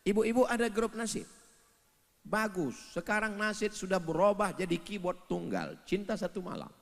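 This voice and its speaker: A man preaching a humorous sermon, joking, swinging between loud outbursts and soft asides, at times breaking into chanted song. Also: high-pitched, big-room sound. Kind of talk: humorous sermon with sung passages.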